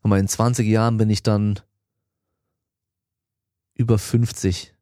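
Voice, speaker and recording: A man's voice: on the low side, little pitch movement, unhurried, mellow, no room sound. Casual man in his thirties, dry sound. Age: 30s. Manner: loose, colloquial, answers listener questions directly. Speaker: podcast host and strength coach. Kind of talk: casual podcast Q&A.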